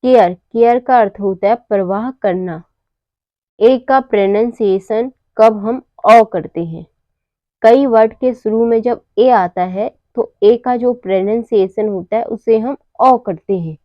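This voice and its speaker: Slow, careful woman teaching English words. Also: on the high side, dry recording, highs cut off. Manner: asks and answers her own questions. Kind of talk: slow explanatory lesson.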